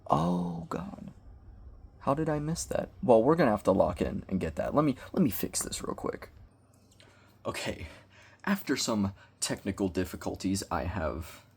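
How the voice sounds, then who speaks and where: Husky-voiced young man rambling on camera. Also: on the low side, sing-song, normal speed, a little mellow. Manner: awkward, self-deprecating, slangy. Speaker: YouTuber reviewing a toy. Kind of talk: casual rambling vlog. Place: bedroom with bookshelves.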